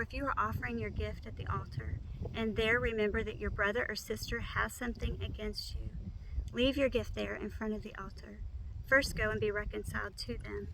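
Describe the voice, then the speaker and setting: Woman reciting bible verses by rote, kinda high voice w some fry, bit of background noise. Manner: reciting by rote, in measured complete phrases. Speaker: scripture reciter. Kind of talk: memorized scripture recitation.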